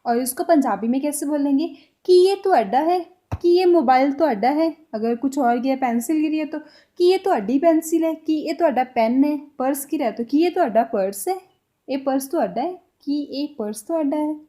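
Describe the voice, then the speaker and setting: A young woman gives a language lesson in a high voice that is also soft and mellow. She explains each phrase, then repeats it slowly and deliberately so learners can follow. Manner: slow deliberate repetition of example phrases. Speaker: language teacher.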